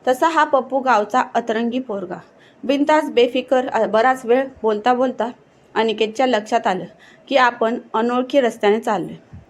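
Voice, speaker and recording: A woman narrating a horror story in a steady, suspenseful storytelling manner. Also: a little high, normal speed.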